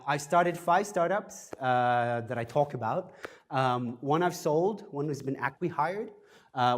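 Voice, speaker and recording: Speaking in front of an audience in an event space, a guest speaker at a startup workshop delivers a casual lecture. The man's voice is medium in pitch, and he talks quickly, pokes fun at himself, and leans on lots of fillers.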